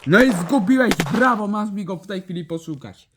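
Excitable high-voiced man doing toy play. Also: heavy background noise. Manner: excitable, exclaiming, quickly switching between character voices.

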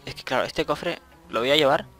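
A man's voice: fairly high pitch, brisk, fairly bright tone, a little hiss or hum. A young man, rambling casually to himself while commenting on his gameplay and swearing at the game now and then. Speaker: gaming channel host.

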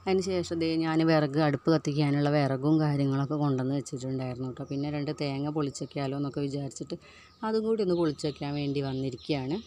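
A woman's voice: sits low, quick pace, mellow, a little hiss or hum. A housewife from Kerala chattily narrating her daily chores over a home vlog, tagging her sentences with "you know?"; she is recovering from a tooth extraction. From Kerala, India. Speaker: housewife vlogger.

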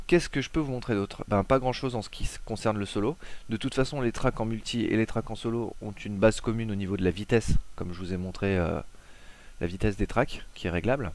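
Man with a slightly low voice for a casual tutorial voice-over; hesitant, filler-heavy, guiding viewers step by step. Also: a little fast. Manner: relaxed, hesitant with frequent "euh" fillers; talks viewers through steps directly. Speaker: tutorial host. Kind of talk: casual screen-recording tutorial.

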